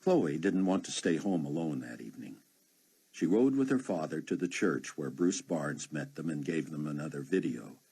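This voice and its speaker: A man narrating an audiobook in an expressive, measured way. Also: a bass voice, gravelly, breathy edge.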